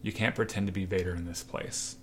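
Man co-host, low voice, animated storyteller, faint room hum behind. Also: brisk. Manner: animated storyteller, acts out quoted lines. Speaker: podcast co-host. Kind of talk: casual chat retelling a comic.

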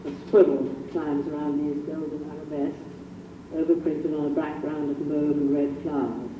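A man's voice: a little high, level tone, normal speed. A man giving an illustrated lecture in a posh, scholarly, precise Oxford-professor manner. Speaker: lecturer on historic decorated papers. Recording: muffled phone-like old recording, roomy, distant, hissy.

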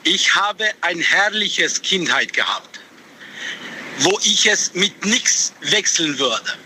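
A man's voice: high-pitched, lively intonation, slow, sharp tone, a little hiss or hum, rough recording. A man calling a radio show from his truck over a hands-free speakerphone, talking hesitantly with many fillers and restarts. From Kosovo. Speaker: caller, truck driver. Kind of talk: call-in radio chat. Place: truck cab on the road.

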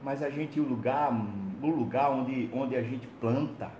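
A male preacher delivering a sermon, swinging from loud emphatic calls to quiet low murmurs. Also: fairly even intonation, unhurried. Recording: echoey room with faint low rumble.

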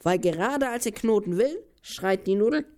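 A woman's voice: medium pitch, animated, normal speed, mellow. A woman telling a children's story as a playful back-and-forth, cutting in to twist the plot.

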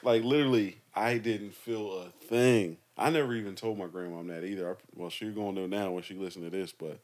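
Young man, lowish voice, casual podcast chat, slangy storyteller. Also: fairly quick, darkish tone. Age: young adult. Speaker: podcast host.

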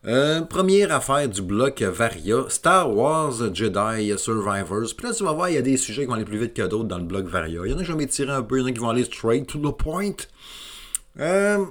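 Québécois male podcast host, fairly low voice, solo and rambling, chatty and loose. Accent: Québécois French. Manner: rambling, casual, self-deprecating with many fillers and restarts. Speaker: video game podcast host.

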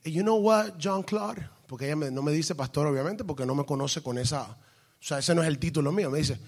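A male pastor preaching an animated sermon, dropping into English phrases and swinging from hushed storytelling to shouted emphasis. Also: a little high, fast talker. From lives in Florida, United States.

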